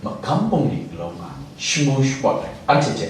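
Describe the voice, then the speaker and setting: A male pastor preaching a sermon, dropping English words into his speech now and then. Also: moderate pace. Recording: very echoey hall, distant mic, faint noise.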